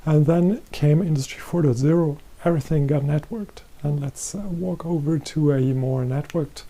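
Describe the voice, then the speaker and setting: Man, middle-aged, presentation lecture, explanatory, slightly higher voice, gravelly. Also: moderate pace, warm tone. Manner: explanatory, repeats himself. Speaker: chair holder presenting research. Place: green-screen studio.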